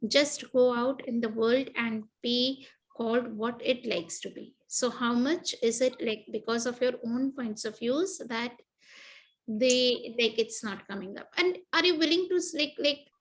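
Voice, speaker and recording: A woman, leading a guided clearing session and repeating set phrases that trail off into murmurs. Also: fairly high pitch, measured pace, rough recording.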